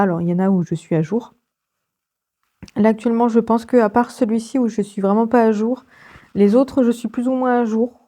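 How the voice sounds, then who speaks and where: A young woman with a French accent chats at home for her vlog. Her voice is mellow and soft-edged, and she talks in an easy, rambling way full of fillers and little giggles. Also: mid-range voice. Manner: chatty, many fillers and giggles. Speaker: vlogger. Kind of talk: casual vlog chat.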